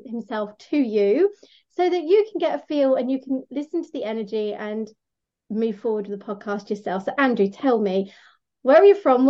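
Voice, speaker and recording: A woman's voice: high voice, dull audio. A woman hosting a podcast, opening the episode and introducing her guest with effusive enthusiasm. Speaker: podcast host.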